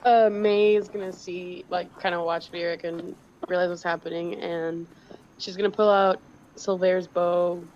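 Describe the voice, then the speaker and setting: Female player, lowish voice, describes her actions, dull lo-fi mic. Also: level tone, measured pace, a little mellow, a little hiss or hum. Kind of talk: casual tabletop game chat.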